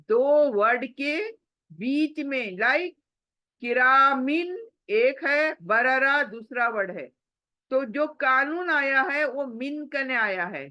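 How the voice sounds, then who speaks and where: A woman's voice: sits high, pushed and bright, no echo, lo-fi sound. A woman tajweed teacher who patiently repeats examples, hums the letters and asks questions she then answers herself. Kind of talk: recorded Quran recitation lesson.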